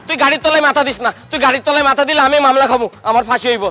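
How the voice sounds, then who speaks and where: An actor playing a mocking young male friend who teases loudly, in a comic drama. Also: very high voice, racing. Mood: panicked. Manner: teasing, mocking, loud.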